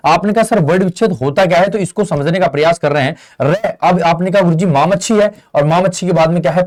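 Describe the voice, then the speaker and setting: A man gives a Hindi grammar lesson in a fairly high voice, explaining step by step at a board. He asks questions, answers them as the students would, and keeps calling his listeners friend and brother. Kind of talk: online exam-prep lesson.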